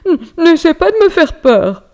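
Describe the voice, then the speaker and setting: A woman voicing a grumpy, easily startled male bear who shouts to get some sleep. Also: very high voice, sing-song, normal speed, voice pushed up, full character voice. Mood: nervous. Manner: loud, exasperated shouting.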